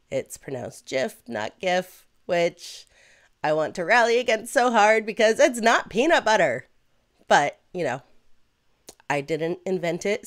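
A young woman with a low, smooth voice walks through a software tutorial. She keeps it chatty and playful and drifts into light asides now and then. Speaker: host. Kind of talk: screen-recorded software tutorial.

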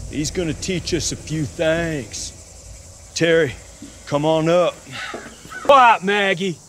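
Intense, slow-talking survivor leader. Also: male voice, on the high side, fairly bright tone. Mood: earnest command. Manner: grave, commanding, halting. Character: earnest, intense male survivor leader in zombie apocalypse. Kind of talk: sketch comedy impression. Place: outdoors in a dry field. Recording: outdoor noise with insects.

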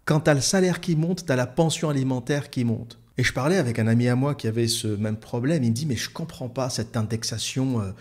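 Male commentator, mid-pitch, ranting solo with sarcasm, crude slang and lots of "euh" fillers. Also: fast, hardly any pauses, darkish tone. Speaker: online commentator.

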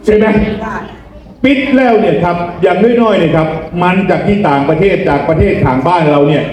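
A man delivers a campaign rally speech in a high but soft-toned voice. He speaks in a folksy way, often turning to his listeners with questions. The sound is heavily echoed, like a public address system. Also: brisk. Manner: folksy, repeatedly asking the crowd questions. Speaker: parliamentary election candidate. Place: rally venue, speaking to a gathered crowd.

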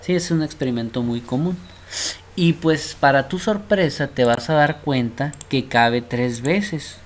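A man gives an informal math lesson at a board, casually checking in with the class and repeating himself often. He speaks in a mid-range voice at a measured pace.

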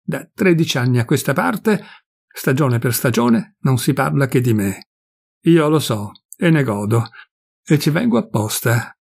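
A man's voice: medium pitch, animated, unhurried, creaky, husky, exaggerated voice. A man voicing a fat, jovial man in his fifties who gossips and confides, pleased with himself, in a storybook reading. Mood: chatty.

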